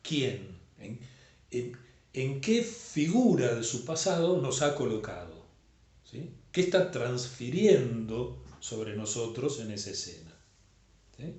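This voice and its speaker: An animated man with an Argentine accent teaching psychoanalysis, often checking in with his listener. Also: mid-range voice, slow pace. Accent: Argentine Spanish. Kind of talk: lecturing, answering a student. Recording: roomy echo.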